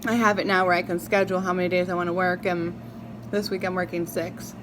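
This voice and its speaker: A woman chatting casually and confessionally to viewers while eating, reflective and halting, with drawn-out words and pauses. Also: fairly low pitch, flat delivery. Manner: chewing and eating while talking. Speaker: mukbang vlogger. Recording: clearly noisy background.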